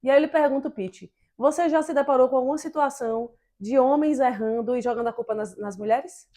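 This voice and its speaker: A woman's voice: high-pitched, a little fast, dark tone. A woman co-hosting an opinion talk show, speaking emphatically and indignantly and firing off rhetorical questions. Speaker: podcast co-host.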